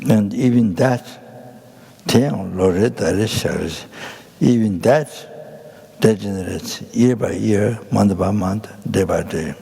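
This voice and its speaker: An older man from Nepal, giving a Buddhist teaching in a halting way full of fillers and restarts. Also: fairly low pitch, gravelly, mellow, husky. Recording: hall reverb.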